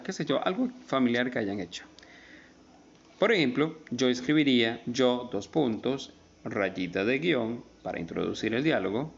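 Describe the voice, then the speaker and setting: Male teacher, gravelly and lively in pitch, drawn-out emphatic delivery, dull lo-fi recording with faint hiss. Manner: slow, emphatic word-by-word explanation, stretching out key words. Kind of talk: recorded spelling lesson.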